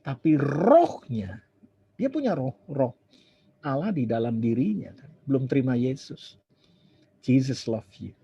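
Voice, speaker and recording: A husky, mellow-toned man. He tells his sermon as a lively story, acting out other people's lines and slipping into English now and then. The recording is dull and lo-fi. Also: medium pitch, a little slow. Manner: chatty, animated, acts out dialogue, drops English phrases. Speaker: preacher.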